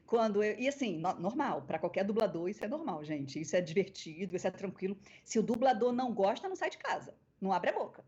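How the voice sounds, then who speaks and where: A woman with a Brazilian accent, a guest voice actress on a podcast, telling stories in an animated way. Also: mid-range voice, fast talker, hardly any pauses, breathy edge. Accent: Brazilian Portuguese. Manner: animated storyteller, acting out quoted voices. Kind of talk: casual interview storytelling. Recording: dull lo-fi podcast audio.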